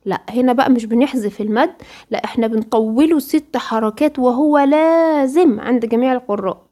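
A woman with an Egyptian accent teaching Quran recitation rules, asking her students questions and answering them herself, sometimes drawing out example words slowly. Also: a little high, mellow. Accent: Egyptian Arabic. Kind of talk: interactive lesson with students.

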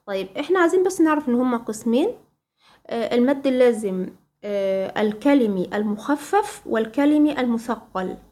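Egyptian woman, tajweed teacher; high voice, patient drilling delivery with prompt questions and repeated terms. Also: lively intonation, brisk, a little mellow. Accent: Egyptian Arabic. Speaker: Quran recitation teacher. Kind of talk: tajweed lesson.

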